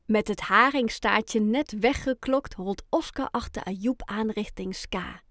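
A woman reading a children's storybook aloud, with gentle, lively storytelling and clear phrasing. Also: medium pitch, measured pace, no echo, clean studio sound. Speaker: audiobook reader.

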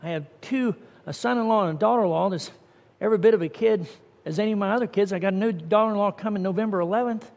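High-voiced middle-aged preacher in a reverberant hall. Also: male voice, fast, creaky, a little mellow. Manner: earnest, conversational preaching with rising emphasis. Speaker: pastor. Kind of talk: sermon.

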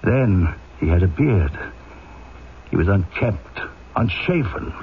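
An actor playing a brooding, obsessive police inspector, grave and emphatic, in old-time radio drama style. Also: male voice, low-pitched, big pitch swings, takes it slowly, full character voice. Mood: insistent suspicion. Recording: tinny, hissy old radio recording.

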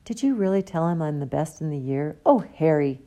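A woman voicing an eager, clever schoolgirl who speaks excitedly. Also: low-pitched, brisk. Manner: excited, breathless.

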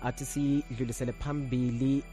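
A man with a Zimbabwean accent hosting live radio, speaking hesitantly with drawn-out filler sounds as he presents. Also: mid-range voice, level tone, warm tone, soft background music. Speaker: radio host. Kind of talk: live radio presenting, reading listener questions.

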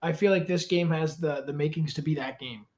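High-voiced casual man in a garage. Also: fairly quick, a little mellow. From Canada. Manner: rambling, self-correcting, laid-back. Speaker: podcast co-host. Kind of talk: casual sports chat. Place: cold home garage.

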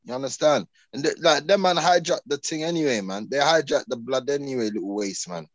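A man's voice: mid-range voice, brisk, no room sound, muffled recording. A man with an urban London street accent, chatting bluntly in sweary roadman slang as a podcast panellist. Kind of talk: casual opinionated chat.

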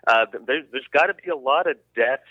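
A man co-hosting a history podcast in casual chat, emphatic and opinionated, often restarting his sentences. His voice comes through thin and tinny, like over a phone line, and the sound is dry with no room around it. His pitch sits in the middle. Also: fairly quick, no room sound. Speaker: podcast co-host.

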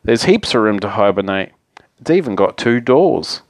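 A man voicing a sneaky, smooth-talking fox in a children's picture book, wheedling and persuasive like a salesman. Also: lowish voice, sing-song, normal speed, no room sound. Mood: eager salesman.

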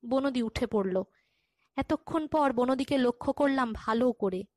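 A woman's voice: sits high, unhurried, darkish tone, dry recording. A woman reading a first-person story aloud and acting out the dialogue of its characters.

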